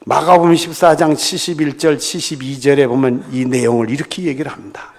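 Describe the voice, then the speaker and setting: A man's voice: medium pitch, a little fast. A middle-aged male pastor preaching a sermon with a slight Chungcheong lilt, telling stories and acting out the voices in them. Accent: Chungcheong-tinged Korean. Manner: animated storytelling, acting out quoted voices. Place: large church sanctuary. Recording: long church hall reverb.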